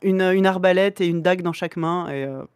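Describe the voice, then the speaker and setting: A woman co-hosting a podcast, chatting casually and enthusiastically about a video game, blunt and quick to swear. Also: fairly low pitch, smooth, no echo, studio quality. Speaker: podcast co-host. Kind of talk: casual gaming chat.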